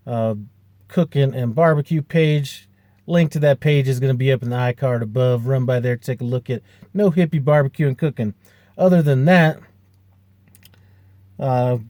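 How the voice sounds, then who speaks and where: Talking to camera in a relaxed vlog, this fifties-aged trucker wanders from point to point, stumbling through fillers and restarts. His voice sits at a medium pitch with a dark tone, and the recording is dry.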